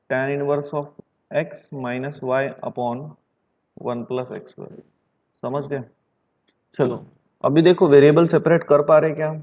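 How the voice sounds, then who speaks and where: A math teacher from Maharashtra, India, speaks in a mid-range voice while lecturing sternly in an online classroom. He scolds, goes over the same things again, and slips English math terms into his talk. The recording sounds dull and lo-fi.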